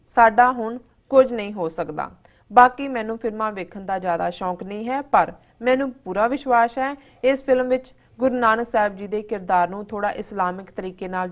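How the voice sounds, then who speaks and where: A woman co-host reads a viewer's letter aloud on air in an earnest, measured way. Her voice sits in a middle range. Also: medium pitch.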